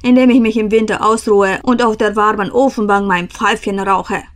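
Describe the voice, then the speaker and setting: A woman's voice: mid-range voice, steady tone, normal speed, natural voice. Woman doing grumpy old broom-maker. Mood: grumbling. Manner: gruff, grumbling. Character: grumpy bearded male broom-maker, middle-aged.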